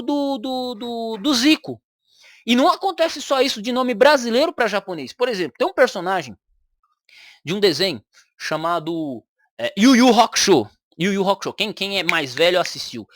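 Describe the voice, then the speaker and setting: A woman's voice: medium pitch, a bit bright, no echo, clean studio sound. A woman with a Brazilian Portuguese accent, giving argumentative reaction commentary on a video and repeating her points for emphasis.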